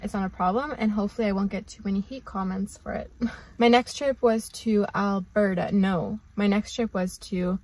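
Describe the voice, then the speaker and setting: A woman's voice: medium pitch, darkish tone. A woman, chatting casually to a camera from the seat of her parked car, rambling with lots of "like" and "um". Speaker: vlogger. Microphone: camera on dashboard.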